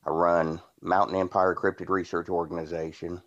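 Deep-voiced man with dull lo-fi audio. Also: flat delivery, normal speed. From Indiana, USA. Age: 40s. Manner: rambling, with fillers and restarts. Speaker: podcast guest. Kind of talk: casual storytelling.

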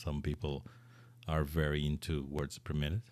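A man's voice: a bass voice, completely flat delivery, moderate pace, darkish tone, no room sound. A man whose first language is Portuguese, hosting a podcast in casual, rambling chat full of repeats. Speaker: podcast host.

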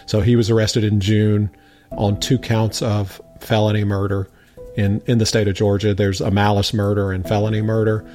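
A man speaking unscripted as a podcast interviewee, halting and repeating words for emphasis. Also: on the low side, level tone, dark tone, faint music behind.

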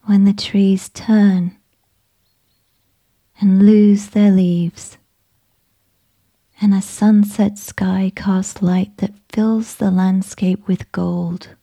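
A woman whispering a slow, soothing guided meditation with gentle instructions. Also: medium pitch, level tone, breathy edge.

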